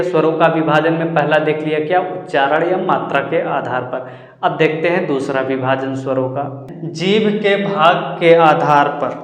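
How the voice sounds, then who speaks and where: A man teaching a Hindi grammar lesson for exam preparation, explaining step by step and sounding out vowels as examples. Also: fairly high pitch. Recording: echoey room with long reverb.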